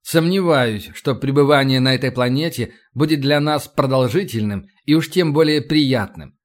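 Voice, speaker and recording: A man's voice: medium pitch, normal speed, lightly acted. A man voicing a stern male navy captain who speaks coldly and curtly in an audiobook. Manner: cold, curt.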